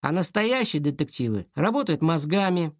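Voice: mid-range voice, sing-song, moderate pace, dry recording, lightly acted. A reader voicing a schoolboy sidekick who sneers with dry irony. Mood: ironic sneering. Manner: ironic, sneering.

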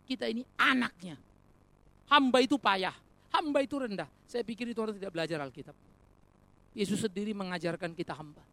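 A preacher delivering a sermon, speaking directly to the congregation as brothers and sisters and mixing joking asides into earnest points. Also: mid-range voice. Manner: animated, rhetorical, addresses congregation as brothers and sisters.

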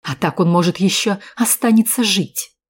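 A cruel, possessive villain in an audiobook story, dragging out his words with gloating menace and pushing them out hard. A woman reads him with a slightly lowered voice. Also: moderate pace, slightly rough, natural voice. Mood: menacing.

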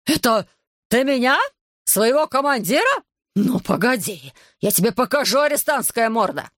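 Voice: mid-range voice, lively intonation, unhurried, bright, forceful tone, dry recording, clean studio sound, pitched above the performer's own voice. A reader voicing a petty, bullying male army corporal who screeches orders at soldiers in an audiobook. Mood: snarling. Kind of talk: audiobook character voice.

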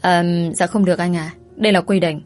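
A woman's voice: on the low side, fairly even intonation, a little fast, faint music behind, natural voice. A woman reading a story, voicing a timid young hotel worker who speaks politely and hesitantly. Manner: hesitant, deferential.

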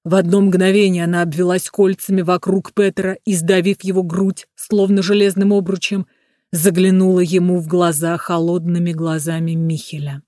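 Storyteller, fairy tale, measured reading, mid pitch, dry close recording. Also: flat delivery, a little mellow, no echo. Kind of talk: scripted narration of a fairy tale.

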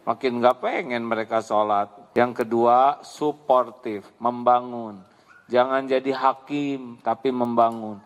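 A man giving a lively Islamic sermon, answering a question, acting out voices and laughing often. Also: medium pitch, takes it slowly, clear, resonant tone. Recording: long hall reverb.

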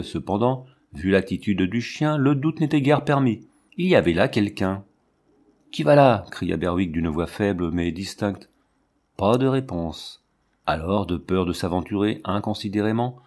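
A male audiobook narrator with a fairly low voice reading a classic novel. He tells the story in a measured, even way.

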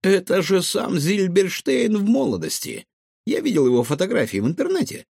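A man voicing a small, clever, excitable male raccoon in a squeaky, eager voice for a storybook. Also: normal speed, vocal fry, slightly rough, no echo, studio quality, full character voice. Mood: excited.

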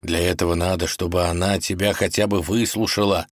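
A man's voice: low voice, steady tone, fairly quick, no room sound, clean studio sound, lightly acted. A man voicing a cunning, self-important male wolf who speaks slyly and commandingly in a fairy tale. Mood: scheming. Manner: sly, commanding, self-assured.

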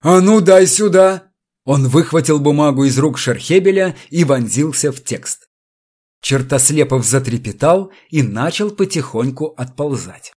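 Male audiobook narrator, expressive storytelling. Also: mid-range voice, slightly rough. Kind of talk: scripted narration.

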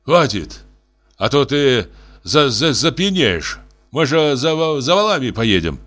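A man's voice: mid-range voice, big pitch swings, unhurried, fairly bright tone. A man voicing a short, hot-tempered young man who stutters in a storybook reading. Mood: stammering.

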